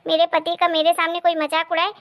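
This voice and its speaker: Woman doing a scolding cartoon sister-in-law, high, sharp, bossy. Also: monotone, quick pace. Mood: angry. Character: bossy, quick-tempered married sister-in-law. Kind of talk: cartoon story voice acting.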